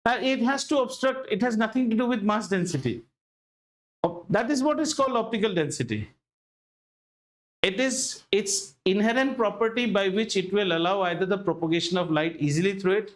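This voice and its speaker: A male schoolteacher with an Indian accent and a high-pitched voice. He explains in an animated, interactive way, repeating key phrases for emphasis and putting rhetorical questions to his students. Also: normal speed. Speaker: school physics teacher. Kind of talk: interactive classroom lesson.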